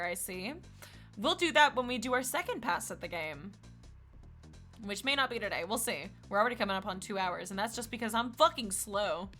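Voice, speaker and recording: A young woman streaming a visual novel, chatting casually with slangy, animated asides while reading lines aloud. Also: fairly high pitch.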